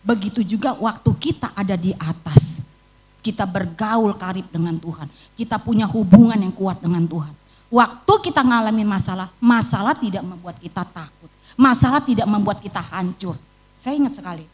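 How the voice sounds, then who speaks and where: A woman's voice: mid-range voice, moderate pace, darkish tone. A middle-aged woman evangelist with an Indonesian accent, preaching a sermon and telling her own story with feeling. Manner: storytelling, emotional, quotes her own prayers. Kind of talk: sermon with personal testimony.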